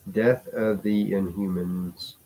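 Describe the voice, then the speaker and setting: Man, casual vlogger, low voice, meandering and hesitant, swears offhandedly. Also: fairly even intonation, slow, mellow, breathy edge. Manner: rambling, hesitant, with many fillers and restarts. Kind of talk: casual rambling vlog talk.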